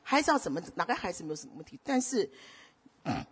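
A middle-aged woman preaching a sermon. She keeps asking the congregation rhetorical questions and swings between loud exhortation and soft storytelling. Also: fairly low pitch, very animated, fast talker, slightly rough.

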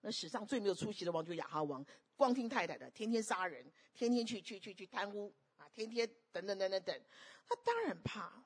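A woman preaching a sermon, animated and constantly questioning the congregation. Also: mid-range voice, brisk, hardly any pauses, breathy edge.

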